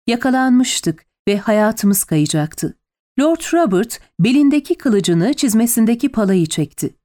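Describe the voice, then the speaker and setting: A woman reading a historical novel aloud in the first person, dramatic and expressive. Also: fairly high pitch, measured pace. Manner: expressive, lively storytelling. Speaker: audiobook narrator.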